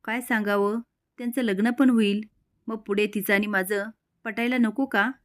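A woman's voice: medium pitch, steady tone, moderate pace, natural voice. A woman voicing a scheming middle-aged woman who sweet-talks and coaxes the family. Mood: sugary.

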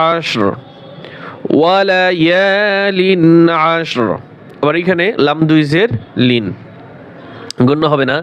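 A man teaching Quran recitation, explaining the rules quickly and then reciting the verses slowly and drawn out. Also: on the high side, a bit bright, clear, resonant tone, dull audio. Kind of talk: step-by-step recitation lesson.

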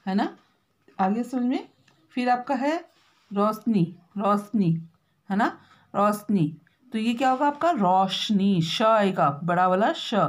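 Woman teacher from Uttarakhand, mid-pitched, patient drill style: slow spelled-out words, constant "right?" to the kids. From Uttarakhand, India. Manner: constant tag questions to pupils. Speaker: primary school teacher. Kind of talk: spelling lesson for children.

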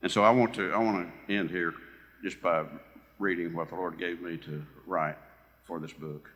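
A man slowly reading a heartfelt written tribute to his father at a church banquet. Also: low-pitched, steady tone, fairly bright tone. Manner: slow, solemn, heartfelt reading. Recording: long reverb of a banquet hall.

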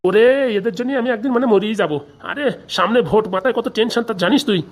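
A man acting in a comedy sketch as a hen-pecked politician husband who grumbles at his wife. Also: high-pitched. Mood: grumbling. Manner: grumbling, fast and complaining.

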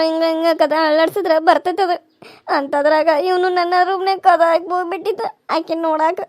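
A woman's voice: very high voice, darkish tone, dry recording, clean studio sound. A woman voicing a young pregnant village wife, crying and pleading. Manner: weepy, pleading, self-pitying. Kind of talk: cartoon serial voice acting.

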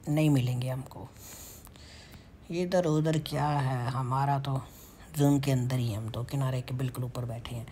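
A man giving casual commentary over his own mobile game matches, excitable and muttering to himself. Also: mid-range voice, moderate pace. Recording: noisy with game gunfire behind. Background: gunfire and game sounds.

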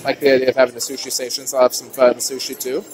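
Racing through his words in a level, mid-range voice, a young vlogger films a walkthrough of a big indoor buffet on his handheld phone. He's casual and upbeat, dropping plenty of "ooh"s and "uh"s, while faint music, diner chatter and clatter fill the noisy restaurant recording.

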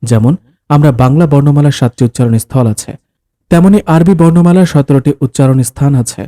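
Dark-voiced man explaining patiently. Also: fairly high pitch, brisk, no room sound, clean studio sound. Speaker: storyteller voicing a husband. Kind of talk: scripted story narration of dialogue.

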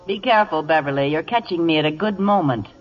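An actress playing a brisk, sensible young secretary with a dry, matter-of-fact manner in a 1950s radio drama. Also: female voice, low voice, lively intonation. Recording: dull lo-fi 1950s radio broadcast.

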